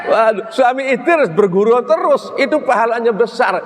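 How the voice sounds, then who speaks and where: A middle-aged man preaching a lively sermon to women in with a lilt, acting out husband and wife voices and quizzing the crowd. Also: extremely high pitch, brisk, big-room sound, slight background noise. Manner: animated, acts out husband and wife voices, sings snippets, asks the crowd. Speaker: Islamic preacher.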